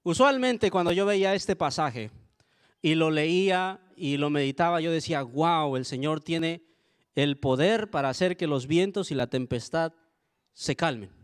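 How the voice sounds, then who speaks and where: A man's voice: on the high side, measured pace, clear, resonant tone. A young adult man, a pastor, preaching a sermon in an earnest, conversational way, often turning to his listeners with asides.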